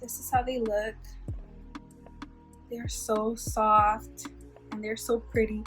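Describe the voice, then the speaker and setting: A woman's voice: fairly high pitch, little pitch movement, slow, fairly bright tone, soft background music. A young woman vlogger doing a casual product review, chatty and frustrated, fills her talk with "like" and swears when annoyed. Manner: frustrated and irritated. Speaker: beauty vlogger.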